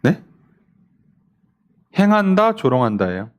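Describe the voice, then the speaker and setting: A man's voice: medium pitch, slow, dull audio. A man, a pastor, leading a midweek Bible study in church, asking the class questions and acting out the scoffers' words. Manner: animated, asks the class questions and mimics scoffers.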